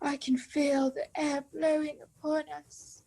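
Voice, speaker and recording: In a radio play, an actress voices a fragile, eerie young woman who speaks slowly as if in a trance, her breathy voice drifting toward whispers. Her voice is high and warm, but the delivery stays flat. The mood is entranced and eerie.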